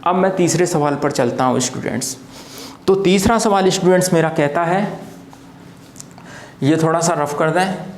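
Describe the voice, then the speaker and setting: A man's voice: a little high, normal speed, long pauses, a little hiss or hum. A man teaching a lesson at a board, who keeps asking questions and answering them himself and repeats each point patiently. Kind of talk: classroom lecture at a board. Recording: echoey room.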